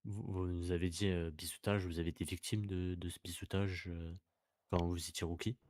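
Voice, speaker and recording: A man hosting a role-play news interview, asking polite questions in a hesitant, halting way. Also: deep voice, little pitch movement, darkish tone, dry recording, studio quality. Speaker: interviewer, host.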